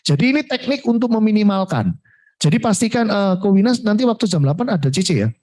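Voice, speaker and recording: A man giving a coaching talk to insurance agents, lively, mixing in English words and acting out what clients say. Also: high voice, fast. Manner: lively, mixes in Javanese and English words, acts out client replies. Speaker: sales coach.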